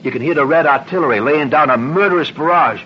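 An actor playing a chatty, cocky young navy galley helper in an old radio drama. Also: male voice, fairly high pitch, quick pace, close to an everyday voice. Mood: excited gossip. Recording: muffled old radio recording, faint noise.

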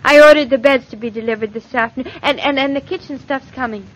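An actress playing a cheerful, affectionate young newlywed wife in an old-time radio drama. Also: female voice, sits high, fast, a little hiss or hum, lightly acted. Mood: affectionate, playful. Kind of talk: 1950s radio drama acting. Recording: muffled old radio transcription.

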